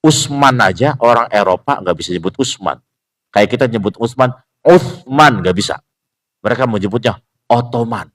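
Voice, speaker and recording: A man giving a relaxed religious lesson at a mosque, joking with the congregation, asking rhetorical questions and slowly sounding out words to show how they are pronounced. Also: medium pitch. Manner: acts out pronunciations, repeating words slowly. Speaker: mosque teacher. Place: mosque at dawn study session.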